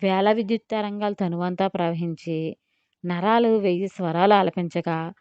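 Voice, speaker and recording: Female story narrator, expressive, crisp voice; dry, slightly dull sound. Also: on the low side, moderate pace, no echo.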